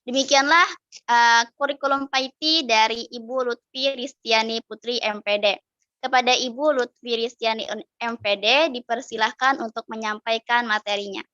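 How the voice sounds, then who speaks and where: Bright-voiced woman moderating a webinar. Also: on the high side, steady tone, moderate pace, dry recording. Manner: formal, reads from script. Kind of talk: formal introduction, reading a speaker bio. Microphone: video call. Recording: dry, thin lo-fi video call audio.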